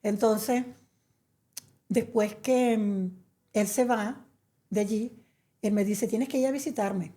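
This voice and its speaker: A woman's voice: medium pitch, steady tone, takes it slowly, long pauses, dark tone. A middle-aged woman from Venezuela, telling her story as a guest in a chatty interview, with many fillers. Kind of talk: conversational interview.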